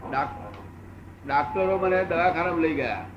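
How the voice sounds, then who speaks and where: A man in his seventies answering questions as a spiritual teacher, unhurried and repeating phrases for emphasis. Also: fairly high pitch, highs cut off, noisy background. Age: 70s.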